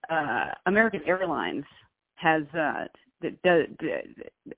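Woman co-host calling in by phone: bad connection that keeps breaking up, tinny and dry, wry deadpan delivery. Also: low-pitched, takes it slowly, gravelly, dry recording. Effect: breaking-up phone line. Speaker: podcast co-host calling in from abroad. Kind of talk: casual chat.

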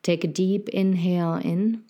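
A woman hosts a guided meditation in a mellow, slightly low voice. She speaks very slowly and softly, with a gentle, soothing manner and little rise or fall. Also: steady tone, highs cut off. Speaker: podcast host and meditation guide.

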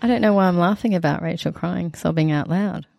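Low-voiced woman podcast co-host. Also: brisk, creaky, darkish tone, no echo, clean studio sound. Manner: chatty, giggly, recaps with enthusiasm. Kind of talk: casual podcast chat.

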